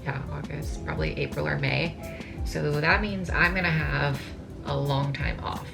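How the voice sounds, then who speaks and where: A woman's voice: low voice, big pitch swings, unhurried, gravelly, music in the background. A woman in her late twenties, a bikini competitor, chatting casually and ramblingly to camera with lots of filler words. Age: 20s.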